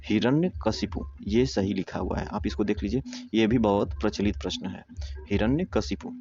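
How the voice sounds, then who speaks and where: Low mellow guy doing exam prep teaching, goes slow and repeats words, dull dry audio. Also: slight background noise. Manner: explains step by step, repeats words slowly.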